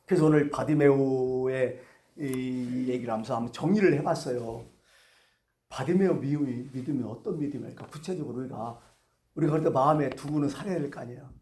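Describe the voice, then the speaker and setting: A man's voice: mid-range voice, brisk, a little mellow. A male pastor giving a conversational sermon, asking the congregation questions as he goes. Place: church sanctuary. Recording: echoey church hall.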